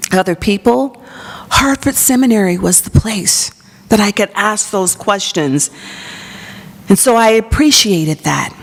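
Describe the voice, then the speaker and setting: A woman pastor giving an earnest personal testimony to an audience, telling her story and dropping to a soft whisper at intimate moments. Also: on the high side. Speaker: pastor and psychologist. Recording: long hall reverb.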